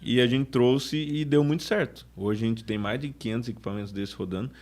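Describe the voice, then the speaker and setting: A man, a sales manager talking casually in a podcast interview, often restarting his sentences. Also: mid-range voice. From Brazil. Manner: chatty, restarts sentences often, acts out customer quotes.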